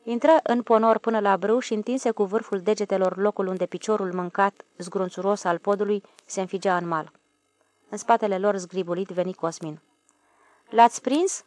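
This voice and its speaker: A woman reads a novel aloud in a steady, measured way, her voice at an ordinary pitch. The recording is dry and close, with no room around it. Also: no echo. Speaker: audiobook narrator. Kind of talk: scripted narration.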